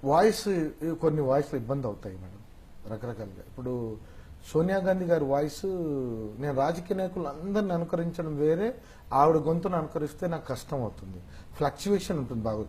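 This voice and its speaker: Animated, higher-voiced man explaining his craft. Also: fairly quick. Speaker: mimicry artist. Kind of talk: casual interview chat.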